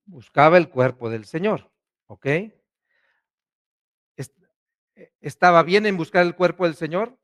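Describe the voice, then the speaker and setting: A man, a priest preaching a sermon, asking questions and swinging between loud and hushed delivery. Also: on the high side, expressive, unhurried, long pauses.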